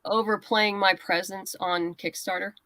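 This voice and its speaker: A woman with a medium-pitched, steady voice speaks unhurriedly in a pushed, bright tone, recorded dry with poor audio quality. She's a guest writer and comic creator in a casual interview, chatting about crowdfunding and offering practical advice conversationally.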